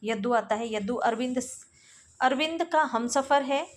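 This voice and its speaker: Woman teacher, plain reading of stage directions, fairly high voice. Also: unhurried. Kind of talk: reading a play aloud for exam study.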